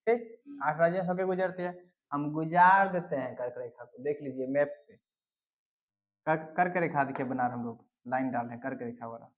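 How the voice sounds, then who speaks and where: A man's voice: on the high side, brisk. A male teacher giving a general knowledge lesson, quizzing students and repeating the answers to drill them in. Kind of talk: classroom lesson with memory tricks. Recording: dull lo-fi recording.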